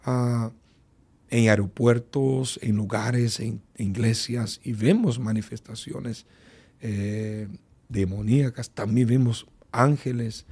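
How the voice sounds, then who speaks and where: A pastor speaks as a guest on a radio program, telling a testimony in a gravelly, husky voice. His tone is dark and mellow, and he takes his time, with plenty of fillers and repeated words. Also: medium pitch, fairly even intonation. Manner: unhurried storytelling with many fillers and repetitions.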